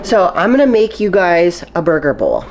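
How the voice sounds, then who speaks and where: A woman with a fairly low, sing-song voice, a little mellow and at normal speed, chats through a cooking vlog in her home kitchen. She's a fitness vlogger, upbeat and filler-heavy, her voice slightly stuffy and nasal after a cold. There's slight background noise and the faint sizzle of frying food.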